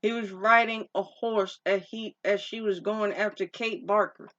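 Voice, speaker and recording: Her voice is medium-pitched, steady, and a bit bright, moving at normal speed as she rambles through a movie's plot. This movie reviewer speaks informally, with slang and frequent sentence restarts, on a dull lo-fi recording.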